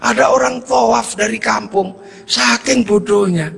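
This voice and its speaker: A man preaching, telling a story with lively bursts of shouting. His voice sits high and sounds husky and gravelly. The tone is bright and forward. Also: a little slow, in a large hall. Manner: animated, acts out scenes, bursts of shouting. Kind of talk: storytelling sermon.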